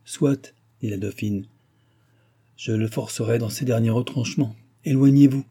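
A man's voice: mid-range voice, normal speed, warm tone, husky. A man voicing a proud, scornful young royal princess, disdainful and imperious, in an audiobook reading. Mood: commanding.

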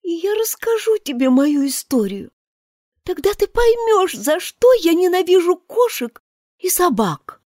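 A woman's voice: very high voice, big pitch swings, a little slow, darkish tone, no room sound, clean studio sound, pitched above the performer's own voice, exaggerated voice. A woman reading an audiobook and voicing a touchy, indignant female mouse who talks in a huffy, trembling way. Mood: shaky. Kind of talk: audiobook character voice.

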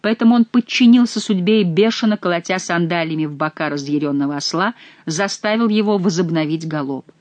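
Woman audiobook narrator, expressive, dry studio sound. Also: on the low side, brisk, no room sound. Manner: expressive, animated storytelling. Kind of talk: scripted narration of a novel.

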